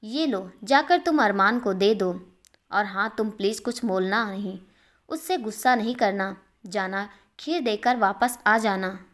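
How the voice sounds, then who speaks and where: A woman's voice: mid-range voice, unhurried, natural voice. A woman voicing a caring elder sister in a read-aloud storybook, speaking in a soothing, fondly scolding way. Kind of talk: storybook character reading.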